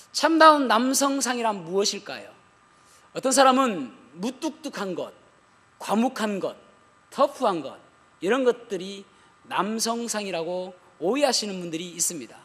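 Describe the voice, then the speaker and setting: A man preaching a sermon as pastor, animated, with humorous asides to the congregation. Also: sits high. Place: church sanctuary. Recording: long church hall reverb.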